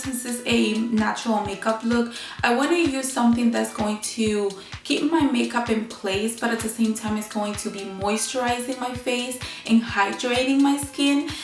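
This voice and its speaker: A woman vlogger with a bad cold and a honking, nasal, stuffed-up voice, chatting casually through a makeup tutorial. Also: on the high side. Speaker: beauty vlogger. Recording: roomy echo, music behind. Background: music.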